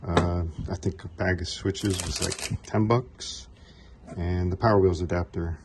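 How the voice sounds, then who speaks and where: Over a noisy background, a middle-aged HVAC technician talks through a homemade test tool at his home garage workbench. He speaks a little slowly in a low voice, relaxed and rambling with many fillers, from off-frame behind the camera, whose mic records him.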